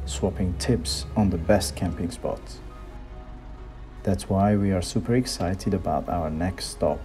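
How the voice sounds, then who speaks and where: A man's voice: low-pitched, warm tone. A man in his thirties reading scripted travel narration in a nature documentary style.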